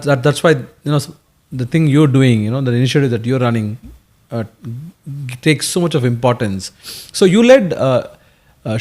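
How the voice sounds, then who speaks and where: A man asking a guest questions, halting and repeating words as he works toward each question. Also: medium pitch, darkish tone. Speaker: interviewer.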